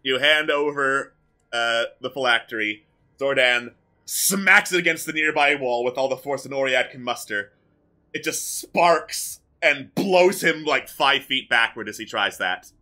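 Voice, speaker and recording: A man's voice: mid-range voice, unhurried, bright, forceful tone. A man acting as game master, improvising narration for a tabletop fantasy game.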